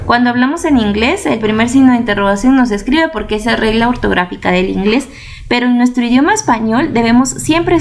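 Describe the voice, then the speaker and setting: A woman teaching a video lesson to children, patient and explanatory, often checking that they follow and repeating words for emphasis. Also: on the high side.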